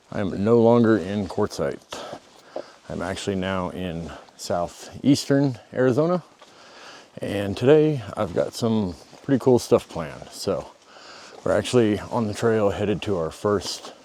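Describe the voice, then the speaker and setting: Male outdoor vlog host, relaxed chatty delivery, lowish pitch, slight background noise. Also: a little slow. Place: outdoors on a desert trail.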